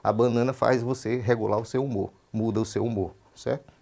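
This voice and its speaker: In this broadcast English lesson, a Brazilian male teacher moves between quick Portuguese explanations and slow, careful English examples, frequently asking "certo?" to confirm understanding. His mid-range voice is steady, creaky, and a little mellow.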